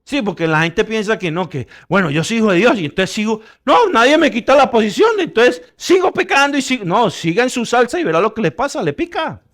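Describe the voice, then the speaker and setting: A middle-aged man preaching a sermon as pastor. He jokes with the congregation, asks if they are following, and swings between loud, emphatic peaks and quiet asides. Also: high-pitched, lively intonation, brisk, hardly any pauses.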